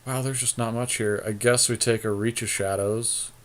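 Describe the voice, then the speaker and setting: A podcast co-host chats informally during a card game draft, thinking aloud as he weighs his choices. His voice is medium-pitched and steady, at a normal speed.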